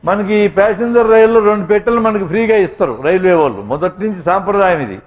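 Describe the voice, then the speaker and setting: A man's voice: high-pitched, animated, quick pace, dull audio. A man, a doctor, giving a humorous talk to students, telling anecdotes and speaking straight to his audience. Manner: jokey storyteller, addresses audience directly. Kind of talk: humorous motivational speech with anecdotes.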